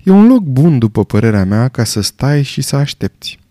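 A man reading the part of an old army general, speaking quietly, gravely and reflectively. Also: mid-range voice, sing-song, no room sound, studio quality, close to an everyday voice. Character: old male army general, calm, weary, haunted.

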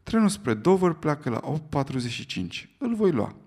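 A man doing Phileas Fogg, the cool gentleman. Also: fairly high pitch, sing-song, breathy edge, voice pushed up, exaggerated voice. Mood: composed. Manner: cool, clipped and unflappable. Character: calm, precise English gentleman gambler.

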